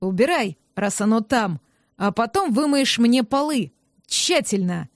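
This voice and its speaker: A woman voicing a rough, angry young male neighbor who growls and barks commands in an audiobook. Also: fairly high pitch, animated, measured pace, dry recording, clean studio sound. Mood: menacing.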